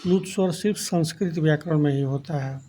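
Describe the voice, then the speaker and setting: Methodical male grammar teacher, dark voice. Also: on the high side, brisk, a little hiss or hum. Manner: methodical, spells out letters and counts them aloud; defines terms then repeats them for emphasis. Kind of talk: classroom grammar lesson.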